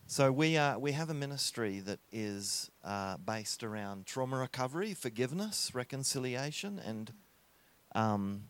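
An Australian man who is a guest preacher, giving a friendly, joking sermon in short phrases and pausing for an interpreter. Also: mid-range voice, lively intonation. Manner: friendly, jokey, pauses for the interpreter.

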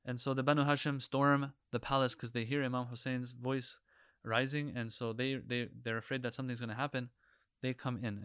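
A man's voice: mid-range voice, fairly bright tone, clear, resonant tone, no room sound, clean studio sound. A man giving an Islamic history lecture in an emphatic, preacher-like manner with rhetorical questions. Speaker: religious lecturer.

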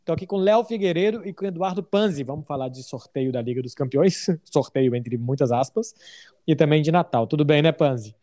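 Brazilian guy hosting a soccer podcast, kinda higher voice, chatty. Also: fairly quick, warm tone. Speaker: podcast host. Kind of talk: casual football podcast talk.

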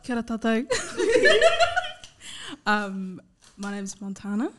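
A woman's voice: medium pitch, very animated, slow, very noisy. A woman, a giggly, self-effacing podcast guest chatting casually. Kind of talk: casual chat.

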